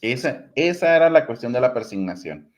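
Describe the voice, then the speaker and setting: A man's voice: medium pitch, big pitch swings, moderate pace, muffled recording. Explanatory man. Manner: explanatory, repeats himself to make a point. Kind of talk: casual conversation on theology.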